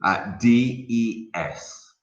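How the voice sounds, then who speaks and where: A man's voice: mid-range voice, drawn-out words. A man from South Africa who teaches English, chatting patiently and courteously on a tutoring call. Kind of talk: casual online tutoring chat. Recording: roomy dull lo-fi call audio.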